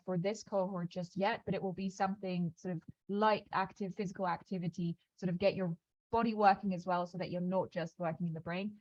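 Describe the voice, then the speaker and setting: A woman presenting on a video call, rattling through a program agenda at speed with plenty of ums and restarts. Her voice sits at a middle pitch and sounds close and dry. The call audio is dull and muffled. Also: darkish tone, dry recording. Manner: fast-talking with many fillers and restarts. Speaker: program staff presenting onboarding. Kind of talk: online onboarding call walkthrough.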